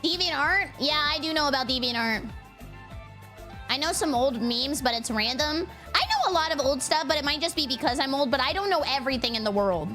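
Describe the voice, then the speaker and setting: Giggly, high-pitched woman streamer. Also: fairly quick, faint music behind. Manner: giggly and excitable, laughs often; chats directly to viewers, thanks donors. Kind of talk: casual live-stream chat.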